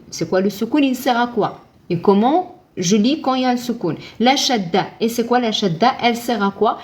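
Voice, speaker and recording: A woman's voice: fairly high pitch, a little mellow. A woman teaching Arabic in a casual live-stream, chatting with viewers and answering her own questions.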